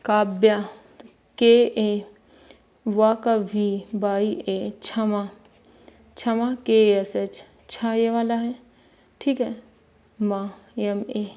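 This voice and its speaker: A woman teacher giving a spelling lesson, slowly spelling names out letter by letter. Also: mid-range voice, little pitch movement, warm tone.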